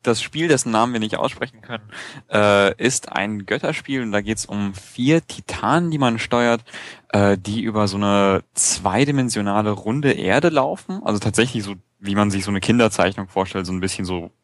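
A man with a lowish voice co-hosts a gaming podcast, explaining a game in a lively, good-humoured way. The sound is dry and close, with no room around it. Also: moderate pace, no echo. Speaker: podcast co-host. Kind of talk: casual podcast chat.

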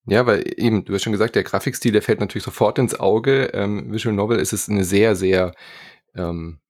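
A man with a light Swabian accent hosts a relaxed podcast conversation about a video game. His voice sits low and a bit husky, and he often stops to search for words. The sound is dry and close. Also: brisk, dry recording. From southern Germany. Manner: hesitant, many fillers and restarts. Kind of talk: casual podcast chat about games.

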